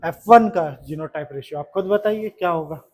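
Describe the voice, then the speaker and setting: एक पुरुष शिक्षक कक्षा में छात्रों को पढ़ा रहा है, बार-बार सवाल पूछता है और मज़ाक में छेड़ता है।. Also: male voice, on the high side, a little fast, a little mellow. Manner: chatty, keeps asking questions, teasing. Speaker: teacher. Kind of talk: classroom lesson to students. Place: classroom.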